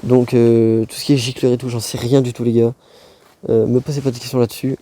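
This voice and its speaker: A man's voice: mid-range voice, little pitch movement, brisk, mellow. A young man chats informally and slangily to viewers, as a motorbike vlogger outdoors. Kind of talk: casual vlog chat. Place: outdoors in a quiet wooded spot.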